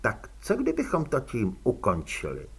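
A man reading an audiobook, voicing a calm male police commander who talks slowly with quiet, probing irony. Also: mid-range voice, husky, full character voice. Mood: coaxing. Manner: slow, quietly ironic, probing.

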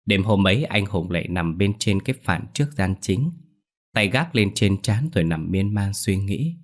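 A man narrating a horror story in a measured, somber storytelling manner. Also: low voice.

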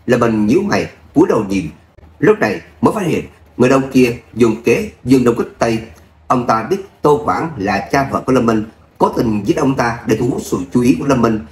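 Man narrating a serial novel, roomy sound. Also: mid-range voice. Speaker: audiobook narrator.

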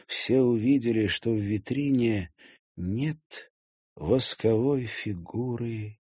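A man narrating an audiobook with expressive storytelling reading. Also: mid-range voice, breathy edge, no room sound, studio quality. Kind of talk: scripted narration.

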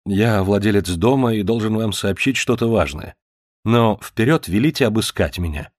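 A man doing a careful, well-mannered gentleman homeowner, low and subdued in tone. He speaks quietly and politely, with restraint, in a close, dry recording. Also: moderate pace, no echo, lightly acted.

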